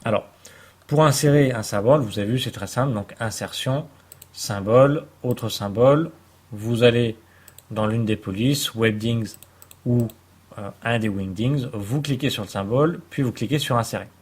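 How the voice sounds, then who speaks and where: A man gives a patient, step-by-step software lesson, pausing now and then to find his words. His voice is slightly husky and sits at an ordinary pitch. He sounds like a tutor narrating over his own screen. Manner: calm step-by-step explaining with hesitations. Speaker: computer tutor.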